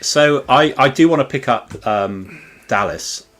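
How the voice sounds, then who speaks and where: A man's voice: medium pitch, animated, measured pace, a bit bright. A man who can't say his R's properly, pronouncing them like W's, chatting casually as a panelist and often repeating words as he starts. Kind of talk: casual chat.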